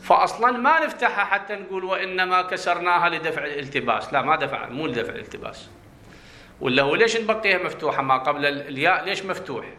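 Bright-voiced Iraqi man teaching. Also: fairly high pitch, very animated, fast. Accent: Iraqi Arabic. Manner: explanatory, repeats points and checks understanding. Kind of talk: grammar lesson to students.

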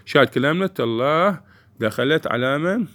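A man's voice: a little high, expressive, a little fast, a bit bright. A man teaching a grammar lesson, explaining step by step and answering his own questions to the class.

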